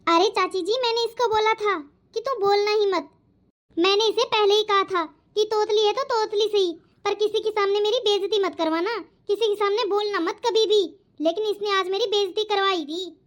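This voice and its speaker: A woman voicing a proud, quick-tempered middle-aged mother-in-law in a cartoon, fussy and scolding. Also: very high voice, fairly even intonation. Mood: defensive. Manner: scolding, fussy about her honour. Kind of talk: cartoon voice acting.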